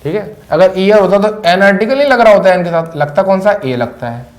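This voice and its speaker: A male English teacher with a Hindi accent runs through a vocabulary list at a board. His voice sits a little high for a man, and he repeats each word and its meaning several times. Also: animated, brisk. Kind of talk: vocabulary lesson to camera. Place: classroom with a board.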